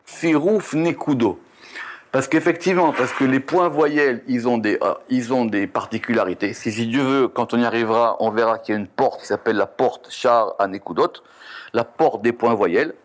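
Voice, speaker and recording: A man's voice: mid-range voice, moderate pace. Man teaching Kabbalah, self-correcting. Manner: reads Hebrew terms then explains in French, self-correcting. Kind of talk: Kabbalah text study lesson.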